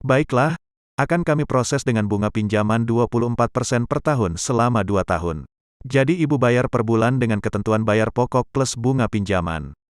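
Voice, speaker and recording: A man's voice: mid-range voice, moderate pace, no room sound, clean studio sound, natural voice. A man playing a polite, formal bank officer with a customer service voice in a scripted educational dialogue. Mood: polite, businesslike. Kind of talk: scripted role-play dialogue.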